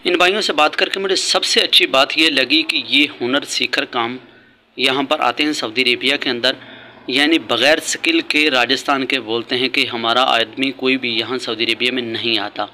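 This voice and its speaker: At an outdoor construction site, a Pakistani vlogger gives casual, earnest commentary, repeating his main points as he offers advice. His medium-pitched voice is bright and forceful, with slight background noise.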